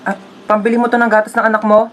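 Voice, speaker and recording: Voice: medium pitch, level tone, a bit bright, a little hiss or hum, lightly acted. A performer doing a brash, pushy robber. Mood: demanding. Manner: brash, fast, demanding. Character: bossy hold-up robber, cocky adult.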